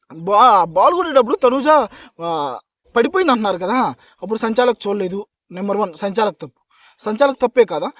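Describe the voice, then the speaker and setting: This man's very high voice comes through with no echo as he tears into a reality show. He's argumentative and confrontational, hammering points again and again and constantly checking with "okay?" that viewers are with him.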